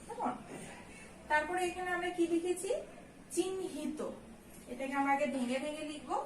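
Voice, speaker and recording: A woman, a college teacher, giving a recorded lesson. She explains slowly, step by step, and keeps checking in with her students. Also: sits high. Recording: echoey room, distant mic, faint ambient noise.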